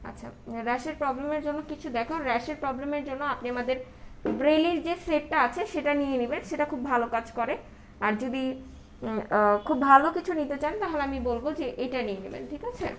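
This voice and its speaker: High-pitched Bangladeshi woman speaking through face mask. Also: brisk, a bit bright. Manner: code-switches into English words and often adds check-in tags. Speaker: live-selling beauty product host. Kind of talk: casual live sales chat answering viewers' comments. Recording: noticeable background noise.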